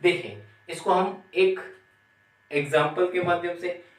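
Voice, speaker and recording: Slow-talking male teacher, roomy sound. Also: sits high. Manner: slow, repeats key terms and asks the class questions. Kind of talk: classroom grammar lesson. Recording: roomy, from some distance.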